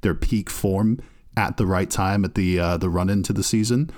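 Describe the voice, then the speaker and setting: Brief: low male podcast co-host, opinionated, teasing, filler-heavy. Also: moderate pace, darkish tone. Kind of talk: casual sports chat.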